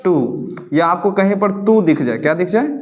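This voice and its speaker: A man teaching a classroom grammar lesson, asking a question and answering it himself, and slowing down to dictate notes. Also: high voice, lively intonation, darkish tone, highs cut off. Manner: repeats questions and answers in call-and-response; slow, dictating pace for note-taking. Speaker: Sanskrit teacher.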